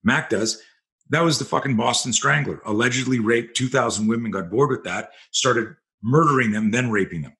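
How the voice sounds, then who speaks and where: A man with a mid-range, slightly bright voice speaks at a moderate pace. He's a self-defense instructor on a podcast, telling blunt, profane, vivid stories in an interview.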